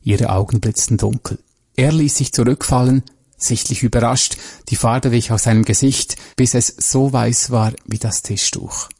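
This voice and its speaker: A man narrates a crime story at a measured, even pace. His voice is dark and mellow, with a husky edge. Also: medium pitch.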